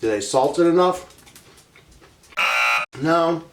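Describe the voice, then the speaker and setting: A man's voice: on the high side, animated, takes it slowly, background noise. A man in his twenties hosting a casual eating vlog, chatty and playful, sometimes talking with his mouth full. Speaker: vlog host. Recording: roomy echo.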